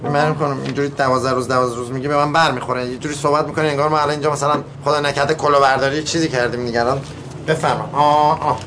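An actor playing a smooth-talking, evasive middle-aged merchant who rambles on persuasively and talks down to a partner. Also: male voice, mid-range voice, fairly even intonation, fairly bright tone, slight background noise, lightly acted. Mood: glib. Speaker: shopkeeper and trader.

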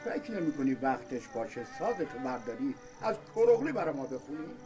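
An actor playing a stern older village elder who lectures the young men, in a radio drama. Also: male voice, medium pitch, big pitch swings, over music, lightly acted. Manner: lecturing, calls others "son". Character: stern old village elder, anxious about war.

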